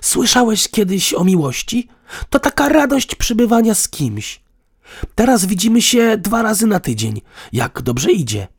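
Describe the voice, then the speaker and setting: A man's voice: high-pitched, sing-song, a little slow, creaky, mellow, pitched above the performer's own voice, exaggerated voice. A man voicing an irritable, sarcastic young woman in an audiobook, with a raised, tense delivery. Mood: angry. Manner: sarcastic, combative. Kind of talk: audiobook dialogue.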